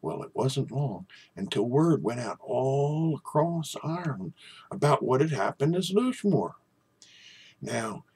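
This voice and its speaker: An older man telling a traditional Irish folk tale in a lilting, conversational, folksy storyteller's manner with a husky voice. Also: medium pitch, darkish tone. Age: older, about 60s or 70s.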